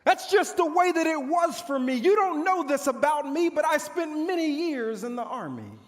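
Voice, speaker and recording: On a large church hall stage, a pastor performs a theatrical monologue as a proud, boastful and bitter army commander from the era of ancient Israel. His very high voice is pompous and highly animated, punctuated by dramatic pauses, and it rings through the hall with long reverb. The mood is boastful.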